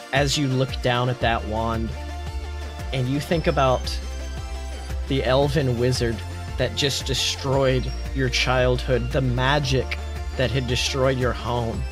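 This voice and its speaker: This podcast host speaks at a medium pitch with a flat, slightly slow delivery while music plays in the background. He improvises second-person fantasy stories as game master and chats with listeners.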